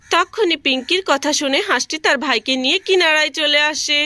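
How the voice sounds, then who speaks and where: A woman's voice: sits high, fairly quick, background noise. A woman narrating a cartoon story in a simple storybook way and signing off as host.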